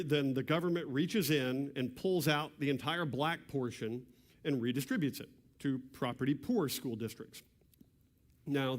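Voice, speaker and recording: A man giving a public seminar talk in a church hall, conversational, often clearing his throat. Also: medium pitch. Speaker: property tax presenter. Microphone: handheld or stand mic, cutting out at times.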